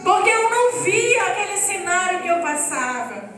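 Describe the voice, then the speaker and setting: A woman with a strikingly high voice tells her personal testimony with earnest emotion before a church congregation. She sounds distant from the mic, her words ringing through a very echoey hall. Faint music sits underneath. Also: big pitch swings, normal speed, fairly bright tone. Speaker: church member giving a testimony.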